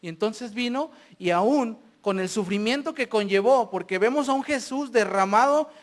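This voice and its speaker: Man, Mexican accent, sermon, very high voice, loud readings, quiet asides. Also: moderate pace. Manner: preachy, swings between loud scripture reading and hushed asides. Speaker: lay preacher.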